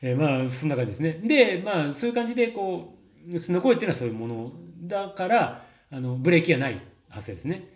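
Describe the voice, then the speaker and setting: A man's voice: a little high, very animated, quick pace. A man in his thirties, a voice coach explaining in a casual, chatty lesson with many fillers and laughs. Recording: roomy echo.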